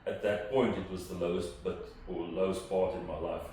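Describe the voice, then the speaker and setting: An entrepreneur whose first language is Afrikaans gives reflective interview answers, thoughtful and halting, with fillers and restarts. His voice is deep, steady and warm, captured by a distant mic in an echoey, roomy space with room noise.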